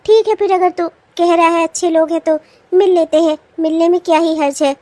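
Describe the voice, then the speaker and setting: Role: worried mother in a cartoon. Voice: a woman doing a gentle, hesitant mother, high and dry. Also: fairly even intonation, brisk, dry recording. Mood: concerned. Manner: hesitant, reasoning. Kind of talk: cartoon voice acting.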